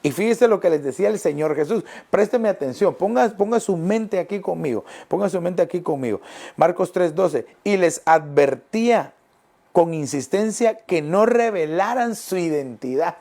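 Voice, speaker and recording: A middle-aged male pastor preaching a sermon, emphatic, repeating phrases and slowing down on key words. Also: high-pitched, expressive, creaky, dark tone.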